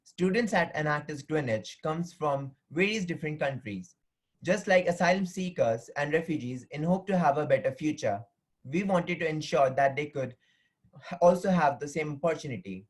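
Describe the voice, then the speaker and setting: A man's voice: a little high, lively intonation, moderate pace, husky, poor audio. A man who is a student presenter, reading a prepared script for a presentation.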